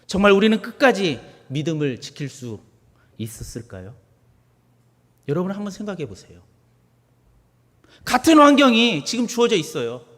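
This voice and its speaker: A man preaching a sermon, moving between hushed questions and loud, emphatic declarations. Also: high voice, big pitch swings, moderate pace, long pauses. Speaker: pastor. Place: church sanctuary. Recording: long church hall reverb.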